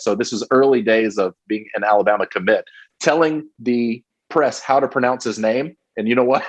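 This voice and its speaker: Rambling male podcast co-host. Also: mid-range voice. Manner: rambling, many fillers and restarts. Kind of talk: casual sports podcast chat.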